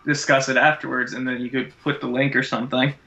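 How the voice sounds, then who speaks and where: Bright-voiced man on a dull call. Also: medium pitch, level tone, quick pace. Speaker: podcast co-host. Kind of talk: casual chat. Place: remote internet voice call. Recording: dull, lo-fi internet call audio.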